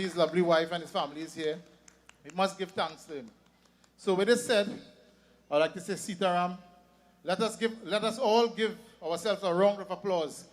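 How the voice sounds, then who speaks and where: A man, an event organizer addressing a festival crowd. He reads through a long list of sponsors, then talks more freely, with restarts and repeated words. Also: high-pitched. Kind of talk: public address at a religious festival.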